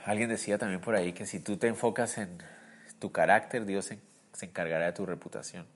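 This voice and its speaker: Animated preacher man giving a sermon. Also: sits low, a little fast. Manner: animated, swings from loud to soft; asks the listeners rhetorical questions.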